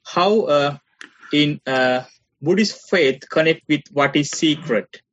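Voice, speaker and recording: A man's voice: fairly high pitch, slow pace, a bit bright. Sri man, polite questioner. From Sri Lanka. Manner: polite, hesitant, many fillers. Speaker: seminary student asking questions. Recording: dull lo-fi audio.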